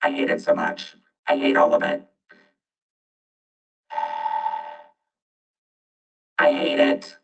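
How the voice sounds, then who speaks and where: A woman host speaking through a voice changer that drops her voice far lower into a gender-swapped sound, blunt and exasperated, swearing freely in casual commentary. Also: slow pace, pauses often, roomy sound, lo-fi sound, faint music behind. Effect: voice changer that drops her voice far deeper, gender-swapped. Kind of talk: casual commentary on legal news.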